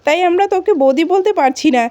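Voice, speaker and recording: A woman voicing a gang of bullying young male thugs in her own high, quick retelling voice. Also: darkish tone, no echo. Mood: threatening.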